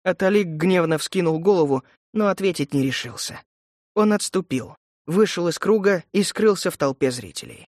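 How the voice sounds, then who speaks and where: A man reads an audiobook in an even, measured way. His voice sits fairly high, and the recording is close and dry. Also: dry recording. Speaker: narrator. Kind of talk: audiobook narration.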